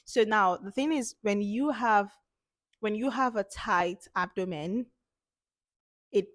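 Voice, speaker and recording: Slightly hoarse from a cold, a confidence coach hosts a casual how-to talk, hammering home her points and repeating them. Her medium-pitched voice moves slowly, captured as clean studio sound with no echo.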